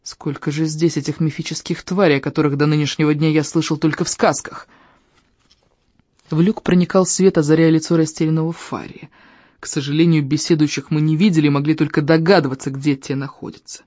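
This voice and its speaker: Steady audiobook narrator, dull dry sound. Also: medium pitch, fairly quick, dry recording. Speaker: audiobook reader. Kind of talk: first-person novel narration.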